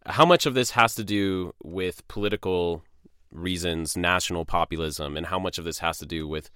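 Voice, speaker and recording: A man interviewing a guest, putting carefully framed questions in a measured way. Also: deep voice, pushed and bright, clean tone, no echo, clean studio sound.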